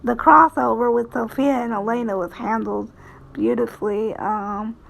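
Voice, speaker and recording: A woman giving casual, rambling commentary as a streamer, in a halting, hesitant way with phrases that trail off. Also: a little high, steady tone, vocal fry, low-quality recording. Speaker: VTuber streamer.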